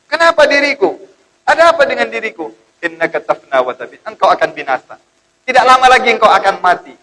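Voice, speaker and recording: A man's voice: high voice, big pitch swings, fast talker, bright, forceful tone, pitched above the performer's own voice, exaggerated voice, rough recording. A man voicing a scheming devil who fakes weeping and pleads and swears insistent oaths. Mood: pleading tearful.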